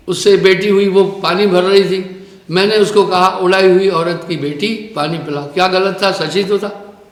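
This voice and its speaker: High-voiced man preaching in echoey hall. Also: a bit bright. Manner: storytelling, explanatory preaching with spoken asides. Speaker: spiritual teacher. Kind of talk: live satsang discourse. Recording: echoey hall with long reverb.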